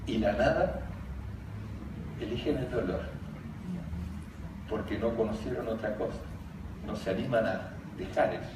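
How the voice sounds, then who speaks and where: Older Argentine man speaking in an echoey hall. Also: medium pitch. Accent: Argentine Spanish. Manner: anecdotal and jokey, laughing as he tells stories. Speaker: speaker on emotional education, former teacher. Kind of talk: conference talk. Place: large conference hall. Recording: very echoey hall, distant, background noise.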